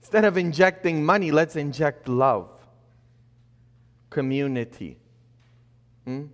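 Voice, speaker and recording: A man's voice: on the high side, slow. A middle-aged man, a priest, preaching a sermon from a church pulpit, building emphasis and tossing in rhetorical questions. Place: church sanctuary, indoors. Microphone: fixed camera at a distance, pulpit. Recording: long reverb of a church hall.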